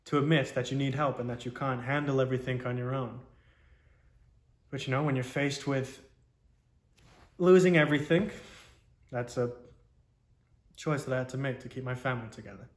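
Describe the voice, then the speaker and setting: Man, veteran, interview testimony, hesitant, reflective, roomy reverb. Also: medium pitch. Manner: reflective, halting, frequent "you know". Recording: roomy echo.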